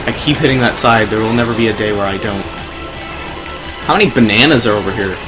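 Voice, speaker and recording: A man's voice: lowish voice, quick pace. A young man streaming a racing game, chatting casually and rambling through jokes with a friend. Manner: joking, rambling banter. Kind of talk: casual gameplay chat. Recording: game music behind.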